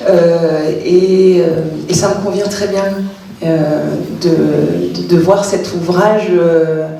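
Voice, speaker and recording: A woman's voice: on the low side, steady tone, slow, gravelly, mellow, a little hiss or hum. Hesitant woman author, echoing from far. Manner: hesitant, many fillers and restarts. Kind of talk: public talk at a literary festival. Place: cultural centre hall. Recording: echoey hall from far off.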